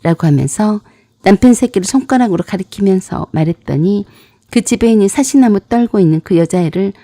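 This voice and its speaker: A woman's voice: mid-range voice, expressive, brisk, dark tone, no echo, studio quality. A woman narrating a dramatic personal story in a blunt, tough-talking manner.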